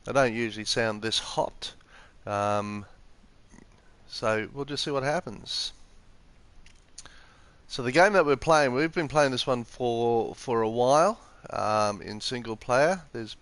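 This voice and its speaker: A man with a medium-pitched, slightly bright, clear, and resonant voice takes his time speaking, with no room sound. He's a gaming live streamer with the flu and a stuffy nose, hesitantly and casually narrating the game and explaining things. He streams on a PS4 headset mic from a room next to an office, windows open.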